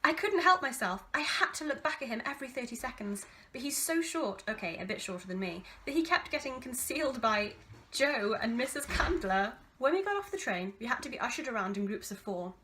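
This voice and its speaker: A woman in her twenties with an English accent reads from an old diary with casual asides, in an animated, self-mocking, theatrically exasperated way. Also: fairly high pitch, fairly quick, a little hiss or hum. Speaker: vlogger reading her old teenage diary.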